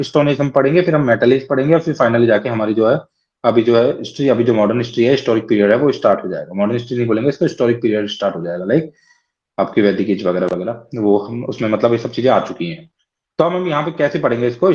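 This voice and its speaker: A man's voice: medium pitch, a little mellow, highs cut off. A man teaching a class lecture, explaining step by step and often checking in with his listeners.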